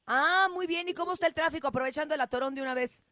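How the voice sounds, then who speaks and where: A high-pitched woman with a Mexican accent hosts morning radio. She teases callers and co-hosts in quick, playful banter at a studio mic. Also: pushed and bright, dry recording. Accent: Mexican Spanish. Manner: teasing, playful. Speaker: radio show host.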